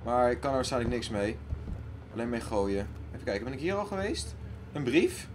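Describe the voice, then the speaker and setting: A man's voice: mid-range voice, very animated, fairly quick, noisy background. Jumpy man narrating his gameplay. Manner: jumpy, loudly panicking, talks to himself. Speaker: let's play host. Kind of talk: casual gaming commentary.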